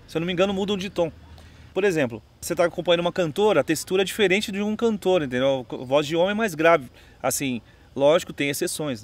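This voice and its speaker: A Brazilian man with a Brazilian Portuguese accent, teaching singing in a casual video lesson, chatty, often checking in with "entendeu?". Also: a little high. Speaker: music teacher. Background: his own guitar playing.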